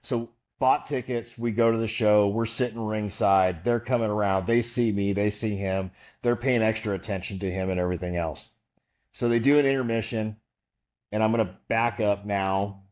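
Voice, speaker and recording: Low-voiced man telling a story, lo-fi sound. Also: moderate pace. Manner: animated storyteller, acts out quoted voices. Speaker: podcast guest. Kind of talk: casual storytelling.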